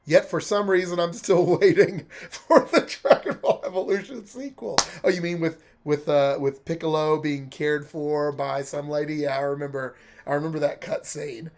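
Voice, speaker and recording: A congested young man streaming a video game, chatting casually, laughing often and filling pauses with "uh". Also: fairly high pitch, steady tone, a little mellow. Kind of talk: casual let's-play stream chat.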